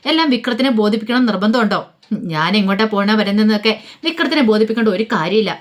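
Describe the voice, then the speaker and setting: A woman voicing a defiant young wife who answers with sharp retorts, in a quick spoken story. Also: medium pitch, expressive, close to an everyday voice.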